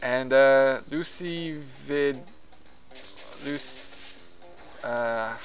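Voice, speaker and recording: While playing a game, a gaming vlogger whose native language is French chats in a meandering, unsure manner with frequent fillers. He has a mid-range, fairly bright voice, recorded roughly.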